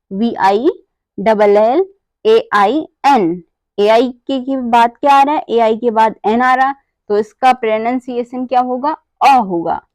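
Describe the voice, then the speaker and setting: A woman's voice: a little high, darkish tone, no room sound. A woman teaches English pronunciation rules, spelling words out letter by letter and asking and answering her own questions. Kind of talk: slow spelling-out lesson.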